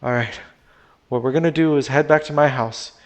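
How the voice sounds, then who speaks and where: A take-charge male animal character from a spoken story, as a man puts him on. He gives orders in a commanding voice and turns to urgent shouts, pitched a little above an ordinary man's speech. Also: fairly quick, natural voice. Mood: steady.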